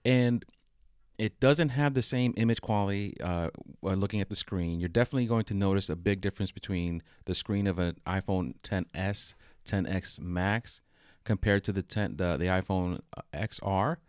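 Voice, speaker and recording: A middle-aged man co-hosting a casual podcast, animated and joking, often restarting his sentences. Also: low-pitched, moderate pace, clear, resonant tone, no room sound, studio quality. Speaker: podcast co-host. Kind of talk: casual chat.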